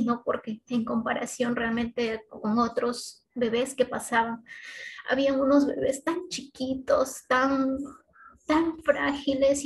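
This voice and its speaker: A woman with a fairly high voice tells her personal faith testimony. She speaks in a conversational, heartfelt way and often breaks off to restart a phrase or add a tag question. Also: poor audio. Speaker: mother giving a faith testimony.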